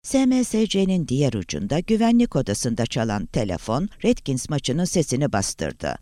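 A man narrating a thriller audiobook with a dramatic, expressive reading. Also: medium pitch, moderate pace, no room sound, studio quality. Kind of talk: scripted narration.

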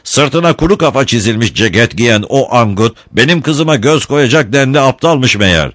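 Casting: man playing a brash young gang boss, raised voice, jeering, lively swings, storybook. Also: mid-range voice, normal speed, no echo, studio quality, voice pushed up, lightly acted. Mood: sneering. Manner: mocking, blustering. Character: cocky young male gang leader, sneering and hot-headed.

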